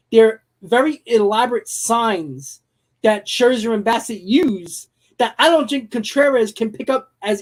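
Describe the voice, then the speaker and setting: This man hosts a live-streamed sports talk show, his voice high and hoarse because he's losing it. He delivers blunt, emphatic opinions.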